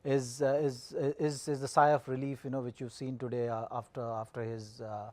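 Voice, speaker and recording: Man, mid-pitched, cricket pundit, halting repetitive phrasing, very dry studio sound. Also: flat delivery, dry recording. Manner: halting, repetitive phrasing with frequent "you know". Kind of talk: studio match analysis.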